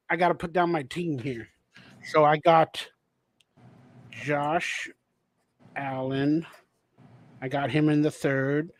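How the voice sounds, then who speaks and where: Guy hosting a live fan stream, high bright voice, acts out stories, cusses a lot. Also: no room sound. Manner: animated storyteller, acts out quotes, swears freely. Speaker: host of a fan livestream. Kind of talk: casual chat.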